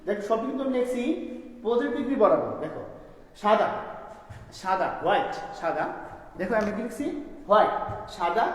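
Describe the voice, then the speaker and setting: A man teaching a classroom grammar lesson, explaining step by step and asking his students questions as he goes. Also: high-pitched. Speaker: school teacher. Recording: echoey room, long reverb.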